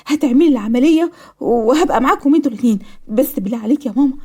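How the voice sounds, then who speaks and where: A woman's voice: high-pitched, lively intonation, rapid-fire, a little mellow, slightly rough. A woman with an Egyptian accent voicing an earnest young nurse in a cartoon story, speaking in a raised, pleading voice.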